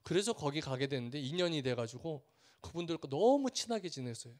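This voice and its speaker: A man from Korea preaches as a missionary in a slightly high, animated voice at a fairly quick pace. Earnest and storytelling, he builds through repeated phrases and acts out the villagers he meets.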